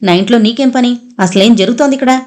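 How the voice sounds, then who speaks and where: A woman's voice: a little high, fast, darkish tone, natural voice. A woman voicing a frightened, angry young husband who fires urgent questions in an audiobook novel.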